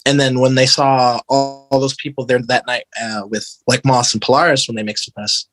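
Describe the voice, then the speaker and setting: With music playing in the background, a mid-range male voice talks a little fast in a flat delivery. He's an American guitarist from the Midwest, guesting on a podcast and speaking informally and earnestly, full of slang and "like."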